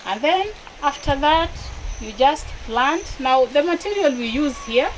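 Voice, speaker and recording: A woman's voice: sits high, expressive, measured pace, rough recording. A middle-aged woman farmer showing her farm outdoors, explaining her methods in a plain, practical, step-by-step way. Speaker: dairy farmer. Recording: outdoor recording with clear background noise.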